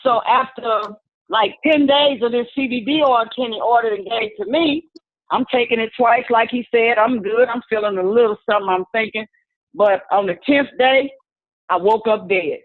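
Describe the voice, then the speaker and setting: A woman's voice: fairly high pitch, moderate pace, dry recording. Older woman caller, chatty storyteller, dry tinny phone sound. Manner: chatty, storytelling, acts out quotes. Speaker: caller giving a testimony. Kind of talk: casual spoken testimony. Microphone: phone call into a video meeting.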